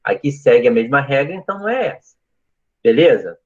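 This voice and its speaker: A man teaching a live grammar class, talking students through each point and checking often that they follow. His voice is husky and sits at an everyday middle pitch. The stream audio sounds dull and lo-fi. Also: sing-song, fairly quick. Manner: explanatory, asks frequent checking questions. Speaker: Portuguese teacher. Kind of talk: live online grammar lesson.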